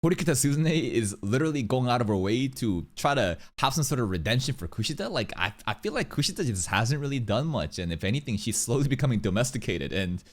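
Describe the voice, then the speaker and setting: Young male reaction host: casual, slangy, sweary commentary with very animated intonation. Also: mid-range voice, fast talker, few pauses.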